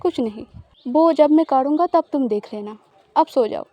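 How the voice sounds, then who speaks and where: With a dry recording and moderate pace, a woman gives a light performance as a teasing, possessive young spouse who sounds smug and coaxes with a smile. Her voice sits high but stays mellow and soft.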